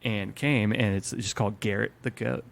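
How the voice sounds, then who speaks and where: Low gravelly guy, musician on a podcast, rambly storyteller, lotsa ums. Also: steady tone, moderate pace. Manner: rambling storyteller, lots of fillers and restarts. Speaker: musician guest. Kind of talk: casual podcast chat.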